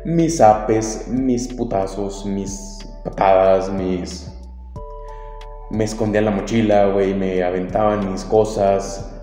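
A man's voice: lowish voice, steady tone, slow pace, warm tone. A man with a Mexican accent telling a story on his podcast in a casual, slangy, laid-back way, swearing freely. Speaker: podcast host. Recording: very echoey room, long reverb, faint music.

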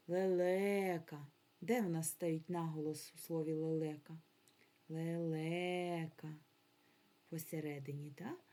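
A woman's voice: low-pitched, warm tone, breathy edge. A woman primary school teacher giving a remote lesson to young children. She speaks patiently and carefully, and stretches words out syllable by syllable. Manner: patient, encouraging instruction.

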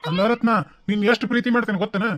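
Sly cartoon landlord, North Karnataka accent, rapid-fire coaxing, dry close sound, man voicing him. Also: high-pitched, no echo, close to an everyday voice. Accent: North Karnataka Kannada. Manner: coaxing, flattering, evasive. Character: doting, sly village landlord husband. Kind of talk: cartoon voice acting.

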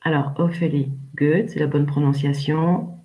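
A woman's voice: deep voice, level tone, normal speed, mellow, rough recording. A woman teaching English pronunciation in an online class, patiently correcting pupils one by one by name.

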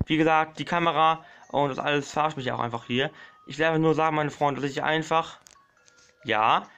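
A man's voice: on the high side, fairly bright tone. A man commenting on a puzzle game, rambling and repeating himself, sometimes snapping at people interrupting him. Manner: rambling, repeats himself, says "meine Freunde" often. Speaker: gaming YouTuber. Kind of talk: let's play commentary.

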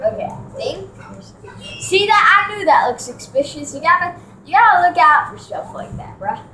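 A high-pitched gamer talks slowly through gameplay commentary, the voice bouncing up and down as it gasps and shrieks at the action. The room sounds roomy and echoey, with video game music playing clearly underneath. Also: expressive, sharp tone.

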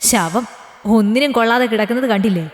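A woman's voice: a little high, fairly quick, big-room sound, close to an everyday voice. A woman voicing a brutal, contemptuous young husband who talks harshly and sneers.

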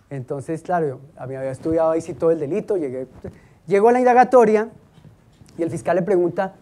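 A middle-aged man, a law school dean, giving a lecture full of anecdotes and acting out the voices of the people in his stories. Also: high-pitched. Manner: lively storyteller who acts out the voices in his anecdotes.

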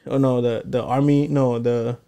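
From a small home studio, a man in his thirties co-hosts a laid-back podcast through a boom-arm studio mic, headphones on. His mid-range voice is smooth and moves at a normal speed while he tells animated stories full of swearing.

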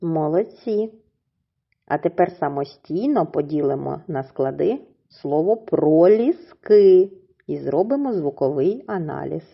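A woman teacher with a husky voice, giving a slow, clearly enunciated reading lesson to young children and drawing out words syllable by syllable. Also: deep voice, expressive, lo-fi sound. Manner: syllable-by-syllable drawn-out pronunciation, encouraging. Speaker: primary school teacher.

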